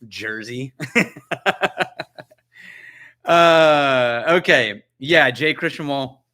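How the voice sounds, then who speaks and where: A man's voice: mid-range voice, very slow, pushed and bright. A man hosting a casual whisky tasting livestream at home, chatting, joking and thinking aloud as he answers viewer comments. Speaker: whisky channel host. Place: his own chilly house.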